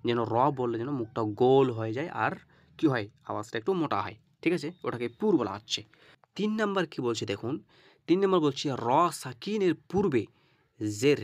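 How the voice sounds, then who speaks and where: A man's voice: medium pitch, no room sound. A man teaching Quran reading, spelling out letters and vowel marks step by step and often checking "okay?". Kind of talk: lesson on reading Arabic letters.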